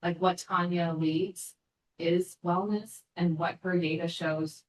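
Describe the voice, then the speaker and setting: A woman board member making an earnest proposal, pausing with fillers as she thinks. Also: lowish voice, fairly even intonation. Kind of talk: board meeting discussion. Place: board meeting room. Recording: echoey room, distant mic.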